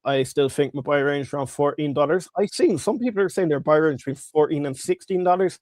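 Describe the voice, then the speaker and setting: A man's voice: a little high, brisk, a little mellow, no echo, studio quality. A man with a congested, swollen-tonsils voice from a cold, hosting a casual live stock market stream and chatting informally to viewers. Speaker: livestream host.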